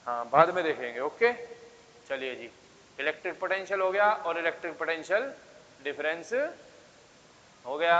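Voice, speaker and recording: A male physics teacher lecturing in a classroom, constantly pressing his students with questions. His voice sits fairly high for a man, and the sound is muffled, with a long reverb trailing each phrase. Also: pushed and bright, slight background noise. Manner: coaxing, keeps asking the class questions.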